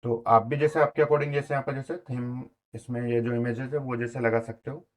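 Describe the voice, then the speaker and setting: A hoarse man giving a casual screen-share web design tutorial, rambling with lots of fillers and frequent "okay?" check-ins. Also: medium pitch, darkish tone, low-quality recording.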